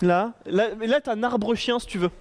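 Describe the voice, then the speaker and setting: A man's voice: very high voice, normal speed. A man giving a casual, joking conference talk to an audience, chatty with many fillers and restarts. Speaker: conference speaker. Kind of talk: casual tech talk with slides. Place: conference room before an audience.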